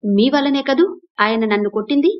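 A woman voicing a spoiled, arrogant young wife who scolds and shouts at her elders. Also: fairly high pitch, a little fast, natural voice. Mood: furious, insulting. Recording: dull lo-fi recording.

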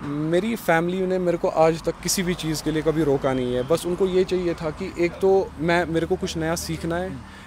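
A man's voice: on the high side, steady tone, normal speed, a little mellow, a little hiss or hum. A man of twenty-one from Kashmir, a young restaurant owner, answering interview questions outdoors in earnest talk mixed with English phrases. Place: outdoors in a village courtyard. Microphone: handheld mic held by the interviewer.

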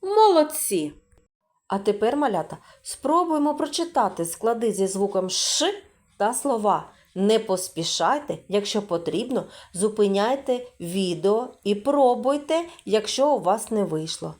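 A woman's voice: medium pitch, lively intonation, a little mellow. A woman teaching a literacy video lesson for preschool children, patiently sounding out words and asking the kids questions. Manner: patient, slow and singsong, stretching out sounds for children.

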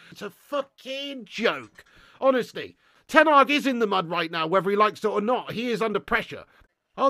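Shrill, gravelly football fan ranting. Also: male voice, dry recording, clean studio sound. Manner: ranting, swearing heavily, bursts into shouts. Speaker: football fan hosting a match watchalong. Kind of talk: live match reaction rant.

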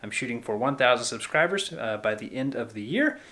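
A man's voice: medium pitch, brisk. Chatty man filming a bedroom walkthrough. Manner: relaxed, chatty, many ums and likes. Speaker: home renovation vlogger. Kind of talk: casual walkthrough talking to camera. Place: small carpeted bedroom indoors. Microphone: handheld camera at arm's length.

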